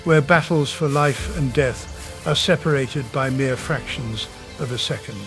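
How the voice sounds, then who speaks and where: A man narrating a nature documentary from a script in a dramatic, measured, portentous way. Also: mid-range voice. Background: music.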